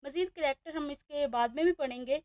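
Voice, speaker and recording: A woman with a Pakistani Urdu accent teaching a beginner language lesson, saying each new word slowly and repeating it several times. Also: high-pitched, a little mellow, dry recording.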